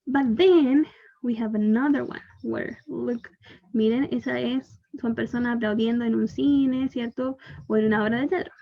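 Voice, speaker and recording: A woman teacher with a Chilean Spanish accent, giving a bilingual English lesson, drawing out the English examples slowly and explaining quickly in Spanish. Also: fairly high pitch, fairly even intonation, creaky, muffled recording. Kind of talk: bilingual online class.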